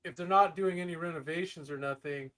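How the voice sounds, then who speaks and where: High-voiced blunt man cursing. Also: fairly quick, crowd noise. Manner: profane, blunt, laughs often. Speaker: podcast co-host. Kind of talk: casual chat.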